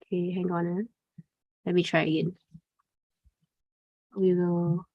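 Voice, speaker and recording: Slow and flat, a young adult woman with a lowish voice presents a live trading webinar in a chatty, informal way, using fillers and tagging lines with "okay" and "right?". The recording is dry and muffled.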